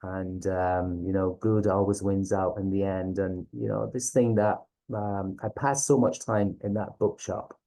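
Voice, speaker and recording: Low, mellow west of Ireland man. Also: little pitch movement, a little slow, gravelly, hardly any pauses, rough recording. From Galway, west of Ireland. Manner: hesitant, often checking in with "okay". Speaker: teacher presenting a reading series. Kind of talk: informal online presentation.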